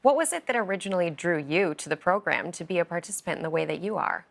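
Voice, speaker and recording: A woman's voice: fairly low pitch, expressive, fast talker, gravelly. A woman in her thirties hosting a live television broadcast, upbeat and enthusiastic as she introduces guests and asks questions. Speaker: host. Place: television studio.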